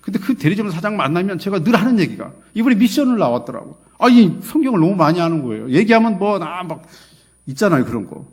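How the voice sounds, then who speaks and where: A middle-aged man preaching a sermon as a pastor, telling stories with quoted dialogue and swinging between loud and soft. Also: sits high, sing-song, quick pace, slightly rough. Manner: storytelling with quoted dialogue, emphatic and swinging in loudness. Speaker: associate pastor.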